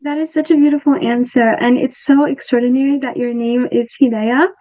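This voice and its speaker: A young adult woman hosts a podcast, reading a guest introduction and asking questions in a warm, friendly, enthusiastic manner with um fillers. Her voice sits high with fairly even intonation and a brisk pace. The recording quality is low.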